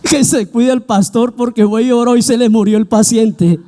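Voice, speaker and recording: Animated high-voiced pastor preaching. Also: male voice, moderate pace. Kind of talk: sermon.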